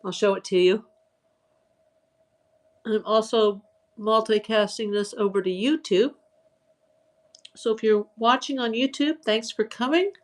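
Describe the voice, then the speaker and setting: Her voice a little high and growing tired and hoarse after hours of talking, a woman hosts a live online auction. She's unhurried and pauses often, casually greeting viewers by name and listing items to sell.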